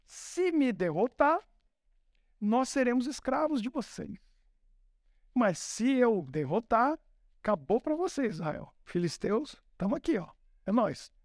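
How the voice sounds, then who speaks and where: A man voicing a boastful giant warrior who mocks his opponent in fast, scornful slang. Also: very high-pitched, sing-song, no room sound, studio quality, exaggerated voice. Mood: taunting.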